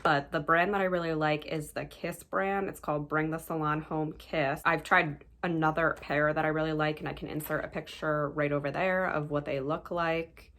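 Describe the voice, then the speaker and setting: Woman, young adult, low pitch, vocal fry, casual product review, chatty vlogger. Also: steady tone, moderate pace, few pauses, a bit bright. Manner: chatty, recommending products to viewers. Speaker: beauty vlogger.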